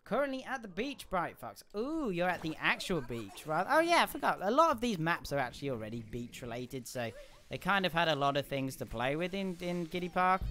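A young man commenting live on a game he is playing, chatting with viewers and breaking into loud cheers and yelps. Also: a little high, big pitch swings, brisk. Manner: chatty, answers viewers' questions. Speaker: gaming streamer.

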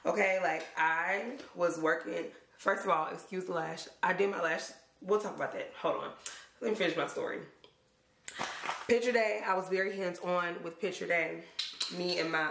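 Hoarse young woman with a low, creaky voice. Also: fairly bright tone. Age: young adult. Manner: informal, slangy. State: hoarse, losing her voice; worn out. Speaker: vlogger. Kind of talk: casual vlog chat to camera. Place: bare indoor room. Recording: echoey room, clear background noise.

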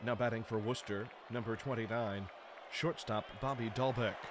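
This is scripted ballpark PA work from an American man in his thirties who stretches names out theatrically. He speaks at normal speed with a medium, steady pitch. Music runs under the announcements, so the backdrop is noisy.

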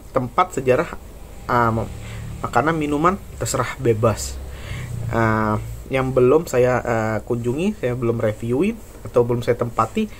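A man's voice: medium pitch, slight background noise. A man in his thirties doing a casual food review, chatty and slangy, filming himself on a phone in a small indoor room. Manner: chatty, slangy, eating while talking. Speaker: food vlogger. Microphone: phone camera at arm's length.

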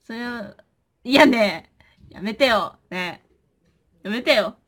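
A woman's voice: a little high, expressive, takes it slowly, fairly bright tone. A woman chatting playfully on a live stream, reading viewer comments and talking to her plush toys.

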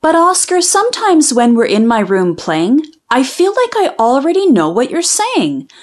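With a voice that sits high and a normal speaking speed, a woman reads aloud from a children's picture book. Her delivery is expressive and sing-song, and she draws out the rhymes.

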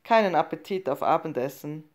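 A guilty teenage boy who keeps his voice hushed and reassuring, trying to calm his sister, as a woman narrator puts him on. His tone sits low and soft, close to the reader's own. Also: brisk.

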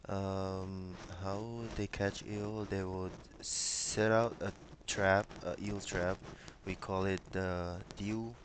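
Slow, deep-voiced young man from Micronesia. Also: level tone, background noise. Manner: hesitant, pauses with many fillers. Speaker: interviewee. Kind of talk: casual interview answers. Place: small room with bookshelves, indoors. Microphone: headset on a video call.

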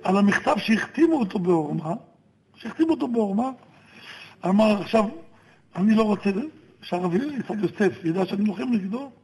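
A man's voice: high-pitched, expressive, pauses often, a little mellow, a little hiss or hum, poor audio. A man recounting events in a played recording, steadily quoting what others told him.

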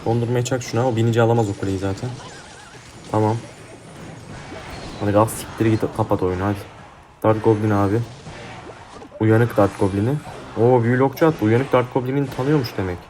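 A man's voice: lowish voice, fairly even intonation, fairly quick, long pauses, darkish tone. A young man commentating his own mobile game match, swearing heatedly and trash-talking his opponents. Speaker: gaming YouTuber. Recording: faint game music behind.

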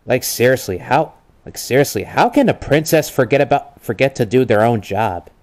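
A man's voice: mid-range voice, animated, a little mellow, natural voice. A man playing a mischievous, teasing young trickster, very swoopy voice. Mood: playful. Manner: coy, teasing, drawn-out feigned innocence. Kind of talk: amateur comedic fan dub role-play.

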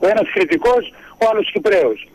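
A man's voice: sits high, very animated, a little hiss or hum. Older Cypriot man telling jokes by phone. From Cyprus. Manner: slow, halting storytelling with many fillers. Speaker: caller. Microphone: telephone. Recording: phone line.

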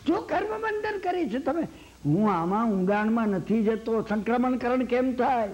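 A man's voice: extremely high pitch, moderate pace, lo-fi sound. A man giving a Jain sermon in a Gujarati accent. He tells a long story, acts out the characters' lines and keeps asking his listeners if they follow. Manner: lively storytelling, acts out quoted lines, asks the hall "samjya ne?". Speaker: Jain lecturer.

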